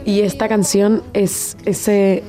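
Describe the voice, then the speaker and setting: Slow, mellow Venezuelan woman. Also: mid-range voice, level tone, faint music behind. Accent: Venezuelan Spanish. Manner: thoughtful, searching for words with pauses and restarts. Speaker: band member and guest. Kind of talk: casual interview talk.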